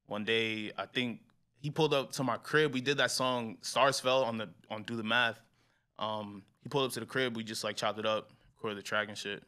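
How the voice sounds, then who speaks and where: A man in his twenties, a rapper guest chatting casually in a slangy, laid-back way that trails off quietly. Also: fairly low pitch, steady tone, moderate pace, clean tone. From New York. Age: 20s. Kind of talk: casual interview chat.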